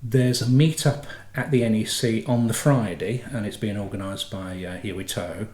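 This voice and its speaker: This motorhome channel host, a middle-aged man nursing a head cold, sounds slightly nasal in his low, darkish voice with fairly even intonation. He chats at a moderate pace, rambling and self-correcting, with the echo of the room around him.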